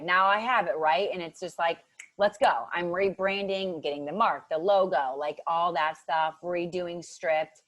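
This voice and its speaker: A woman's voice: fairly low pitch, dry recording. Woman, 30s, from Ohio, podcast guest, chatty, dry close recording. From Ohio, USA. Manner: chatty, many "like" fillers, acts out quotes. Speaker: podcast guest, nutrition coach. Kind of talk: casual chat.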